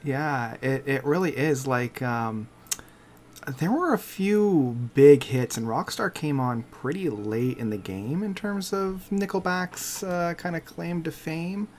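A man from Canada co-hosts a relaxed, casual podcast in a halting, unhurried way. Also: fairly high pitch, slight background noise. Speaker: podcast co-host.

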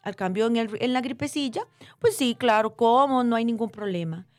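As the invited expert, a woman physician chats through a medical explanation for non-specialists in everyday language, with plenty of diminutives and check-in questions. Her fairly high voice is animated and a little mellow, moderately paced, with no echo.

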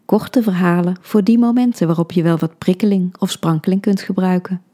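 A woman narrating a short story for her podcast in a soft, intimate way, often half-whispered, with a husky voice. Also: lowish voice, steady tone, a little fast, music in the background. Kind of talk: scripted narration.

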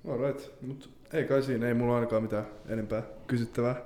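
A young man hosting a podcast, asking relaxed, hesitant questions. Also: medium pitch. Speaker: podcast host. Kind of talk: interview questions.

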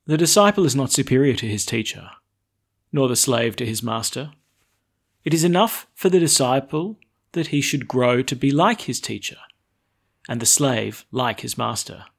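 A man speaking as a priest, giving a Gospel reading and homily. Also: mid-range voice.

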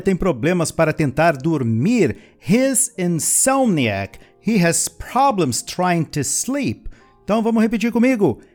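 A man teaching English vocabulary in a lesson, chatting casually in his explanations and slowly modelling sentences for learners to repeat, with playful asides. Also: high-pitched, a little mellow. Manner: switches between chatty explanations and slow, careful model sentences. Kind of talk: language lesson with repeat-after-me drills.

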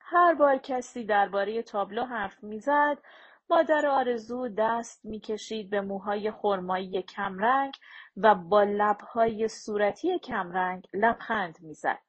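A woman narrating an audiobook in a measured, even storytelling voice. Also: medium pitch, breathy edge, highs cut off.

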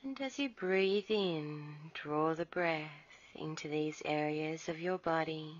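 A woman guiding a relaxation meditation in a soft, soothing voice. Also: sits low. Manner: soft, slow, soothing delivery. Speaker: meditation guide. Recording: dull lo-fi recording.

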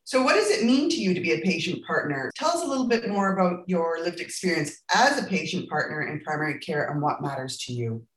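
A woman's voice: deep voice, sing-song, fairly quick, few pauses. A woman with an Acadian accent, hosting a podcast interview and putting questions to her guest. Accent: Acadian French. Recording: roomy, echoing sound.

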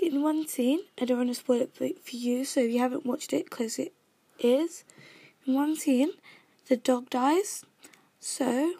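A young Kenyan woman with a British accent earnestly reads aloud her own scripted reviews of movies and songs as a vlogger. Her voice is high and dark-toned, with vocal fry and a breathy edge.

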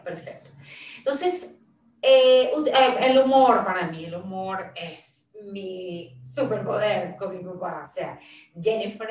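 A woman's voice: mid-range voice, slight background noise. A middle-aged woman talking casually about caring for her father, telling stories and acting out what people said. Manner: animated storyteller, acts out quotes of her father and herself. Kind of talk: casual talk sharing caregiving advice. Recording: roomy echo, a little far from the mic.

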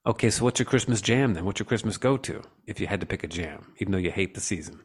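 A man's voice: fairly low pitch, expressive, fast talker, slightly rough. Playful, profane male podcast host. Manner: playful, profane, theatrical riffing. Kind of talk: casual comic chat.

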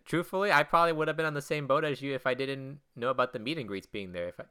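A young man with a bright, forceful voice at an ordinary pitch. He rambles in a relaxed chat with a friend, hesitating and restarting his sentences. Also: very fast, clear, resonant tone. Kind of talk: casual chat.

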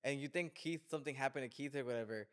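A man in a casual chat, excitedly recapping a horror film scene by scene, swearing often and acting out the characters' lines. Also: mid-range voice, fast talker. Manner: excitable, profane, acts out scenes. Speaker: film discussion podcast co-host.

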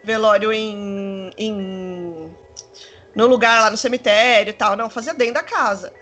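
A woman, telling a personal story in casual chat, rambling and animated with many fillers. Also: medium pitch, measured pace, faint music behind. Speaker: storyteller in a conversation.

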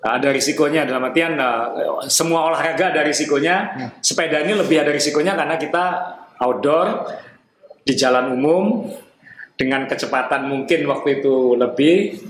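A man hosting a casual podcast chat, animated and quick, laughing often. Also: on the high side, a little hiss or hum. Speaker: podcast host. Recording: echoey room, faint ambience.

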